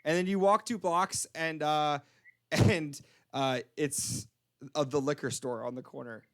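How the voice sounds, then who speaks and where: A man's voice: on the high side, fairly even intonation, unhurried. A man narrating a tabletop role-playing game as game master, laughing often and talking with many fillers and restarts.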